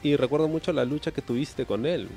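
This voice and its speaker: A man interviewing a guest in a relaxed, casual way, often ending remarks with a question tag. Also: on the high side, brisk, gravelly, soft background music.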